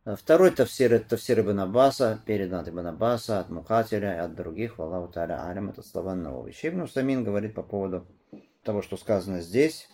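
A man giving a religious lesson, reading Arabic phrases and explaining them in Russian, who rises and grows louder when retelling a narration. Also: on the low side, lively intonation, quick pace. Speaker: Islamic religious teacher. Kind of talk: religious lesson commenting on hadith and tafsir.

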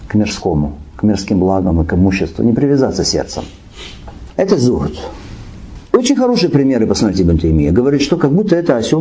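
A man's voice: mid-range voice, dark tone. A man giving a sermon lecture who recites Arabic phrases, explains them, repeats key points and checks in with listeners. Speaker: Islamic preacher.

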